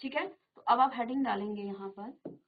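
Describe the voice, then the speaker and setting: A middle-aged woman teacher giving a classroom lesson, repeating each word slowly and asking the class questions. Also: a little high, phone-quality sound. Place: virtual classroom studio.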